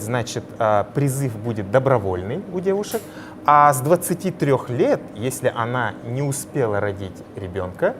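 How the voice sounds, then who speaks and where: A man hosts a TV debate with very varied intonation and halting phrasing. The sound behind his mid-pitched voice is clearly noisy. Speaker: TV debate moderator. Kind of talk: presenting a TV studio discussion.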